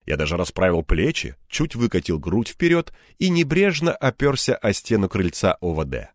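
A man's voice: fairly low pitch, very animated, moderate pace, no echo, studio quality. A man narrating an audiobook in the first person, in a wry, conversational storytelling manner.

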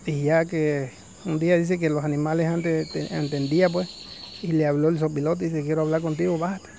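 A man's voice: fairly high pitch, flat delivery, normal speed, vocal fry, dark tone, slight background noise. A man telling traditional folk tales in a loose, conversational way, full of fillers. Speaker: storyteller. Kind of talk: oral folk storytelling.

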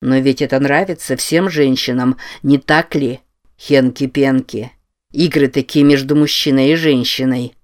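A man's voice: mid-range voice, steady tone, measured pace, lightly acted. A man voicing a sly droning bull-mask oracle. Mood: sly, mocking.

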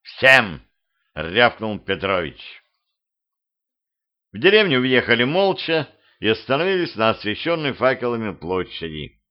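A man narrating a humorous mystical story as an amateur audiobook reader, in an even storytelling manner. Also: mid-range voice, moderate pace. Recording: dull lo-fi home recording.

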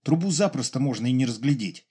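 A man voicing a level-headed major who explains the situation in measured tones. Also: mid-range voice, animated, warm tone, husky. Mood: calm. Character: calm male major, intelligence officer.

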